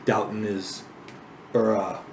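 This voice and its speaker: A man running a tabletop game, narrating slowly with pauses and fillers. His voice sits a bit low. The room is echoey, with noticeable noise behind him. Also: little pitch movement. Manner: slow, halting narration with fillers. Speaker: game master.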